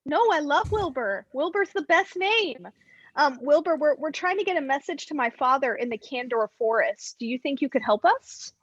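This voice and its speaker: A woman's voice: high-pitched, expressive, normal speed, a bit bright, no room sound, dull audio. A woman chatting casually as a player in a tabletop role-playing game, sometimes speaking in character.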